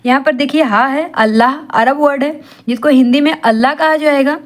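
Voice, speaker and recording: A woman's voice: sits high, moderate pace. A woman tutoring for an exam in Hindi, asking rhetorical questions and answering them herself, mixing in English terms. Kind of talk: classroom-style exam lesson.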